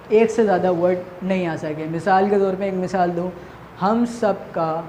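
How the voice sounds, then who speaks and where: A woman teacher with a Pakistani Urdu accent talks through a recorded lesson for children in a fairly low voice. She repeats key points and answers her own questions. A faint noise runs under the recording. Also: a little mellow.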